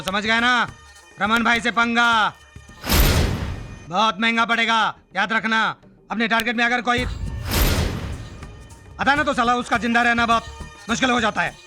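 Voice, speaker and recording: An actor playing a blustering male gang boss in a Hindi film comedy, bossy and quick to stammer when rattled. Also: very high voice. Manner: bossy, stammering when flustered, shouts orders.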